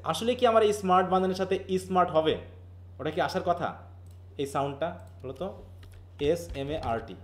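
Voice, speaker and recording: A man leads a live online class, explaining each point step by step and stopping often to ask his students questions. His voice sits a little higher than most men's, and he moves easily between English terms and his own talk. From Bangladesh. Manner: explains patiently and keeps quizzing students. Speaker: English linguistics teacher.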